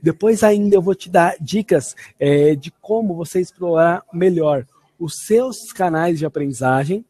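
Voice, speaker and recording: A Portuguese-speaking man teaching an online lesson, upbeat, repeating English phrases slowly and expressively. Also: fairly high pitch, warm tone, slightly rough, dry recording.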